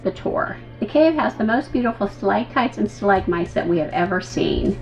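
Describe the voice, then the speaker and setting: Female travel vlog host, mid-pitched voice, conversational explainer who addresses viewers directly, music behind her. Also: lively intonation, moderate pace, a little mellow, rough recording. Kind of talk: chatty travel vlog narration.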